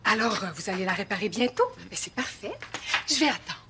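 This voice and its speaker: Actress as a prim teacher. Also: female voice, medium pitch, lively intonation, brisk, very noisy, lightly acted. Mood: fussy. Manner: precise, correcting diction, insistent. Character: fussy, prim middle-aged female French teacher. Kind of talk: TV drama acting. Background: background music.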